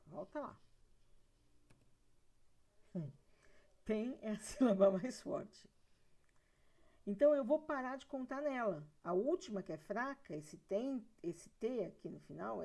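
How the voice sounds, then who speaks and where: A woman's voice: medium pitch, mellow. A female literature teacher with a Brazilian Portuguese accent giving a recorded lesson, explaining step by step, counting syllables aloud and checking in with her students.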